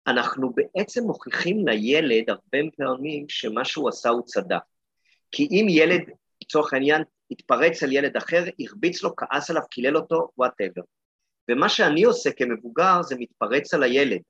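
A man's voice: medium pitch, expressive, a bit bright, husky, no room sound, dull audio. A man who is an educator and podcast co-host, thoughtfully telling classroom stories, often restarting his sentences. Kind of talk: reflective casual chat.

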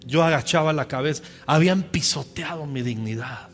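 A Mexican pastor in his fifties preaches with a fairly high, bright voice that rings through a long church-hall echo. He tells a personal story in a lively, joking way and speaks straight to the congregation, with soft music under his sermon. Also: moderate pace.

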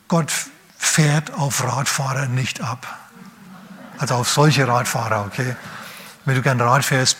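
Emphatic preacher with a higher male voice. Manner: emphatic preaching with rhetorical questions to the listener; swings between raised, urgent phrases and quiet, low asides. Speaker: pastor. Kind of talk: sermon.

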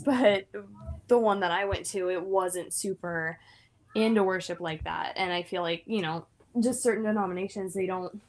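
A woman's voice: mid-range voice, darkish tone. A young woman co-hosting a podcast who leads worship, talking casually with many fillers and frequent laughs. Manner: chatty, lots of fillers, laughs often. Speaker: podcast co-host, worship leader.

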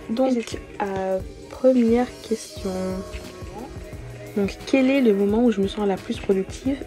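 A mellow, mid-range female voice belongs to a podcast host in her early twenties who isn't a native French speaker; she was born outside France and moved there as a young child. On her casual solo podcast she answers self-introduction questions in informal slang, mixing in some English words.

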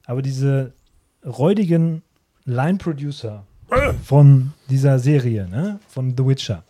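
A man chatting on a podcast, rambling excitedly and acting out quoted characters. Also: medium pitch, measured pace. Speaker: podcast co-host. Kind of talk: casual chat.

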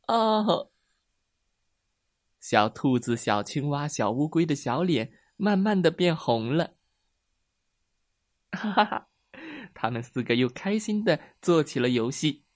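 A man narrating a children's bedtime story in a gentle, sing-song way. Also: on the high side, expressive, normal speed, no echo, studio quality.

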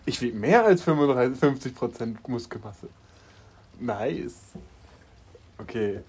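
A young man co-hosting a laid-back podcast with a friend. He talks in an offhand, joking way, often trailing off mid-thought. His voice sits at an ordinary middle pitch. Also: expressive, a little slow, a little mellow, slightly rough. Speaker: podcast co-host. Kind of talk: casual chat.

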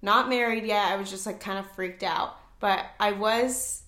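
A woman's voice: mid-range voice, normal speed, bright, forceful tone. Chatty young woman in echoey room. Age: 20s. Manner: chatty, many fillers. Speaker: podcast guest. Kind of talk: casual storytelling chat.

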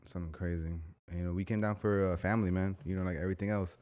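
Deep-voiced man in casual conversation. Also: fairly even intonation, very fast, darkish tone, smooth. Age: 30s. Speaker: podcast guest. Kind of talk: casual interview chat.

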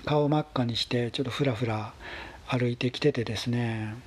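A man with a husky voice, telling a story in a casual, polite monologue with gentle pauses. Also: mid-range voice. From Kansai, Japan. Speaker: solo talk show host.

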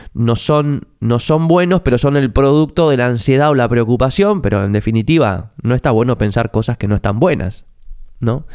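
Rioplatense guy doing a chatty podcast, stuffy nasal flu voice, gravelly, very dry close sound. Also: mid-range voice, darkish tone, dry recording. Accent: Rioplatense Spanish. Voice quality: nasal, congested voice. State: recovering from flu. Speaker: podcast host. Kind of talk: reflective conversational podcast monologue. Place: office.

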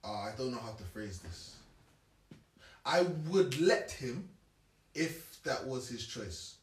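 A man's voice: mid-range voice, sing-song, takes it slowly, slight background noise. A young man with a London accent, chatting casually as he reasons through his points and repeats them for emphasis. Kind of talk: casual chat. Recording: echoey room, distant from mic.

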